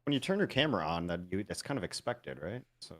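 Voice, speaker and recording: A man co-casting an esports stream in casual chat, trading dry, deadpan quips. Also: low voice, fast talker.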